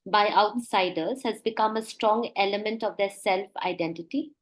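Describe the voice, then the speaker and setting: A woman's voice: mid-range voice, moderate pace, low-quality recording. A woman moderating an online panel, polite and hesitant, reading out audience questions with many fillers.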